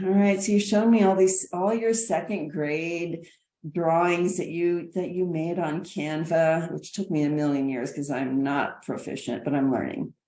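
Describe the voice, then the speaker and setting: A woman's voice: lowish voice, dark tone, roomy sound. A woman, a nursing educator, explaining slides in an earnest way and often repeating words as she goes.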